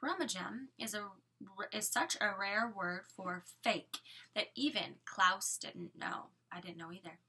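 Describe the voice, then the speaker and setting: A woman's voice: medium pitch, a little slow, vocal fry, bright, forceful tone, husky. A woman teacher reading a chapter book aloud to her students with friendly, encouraging asides.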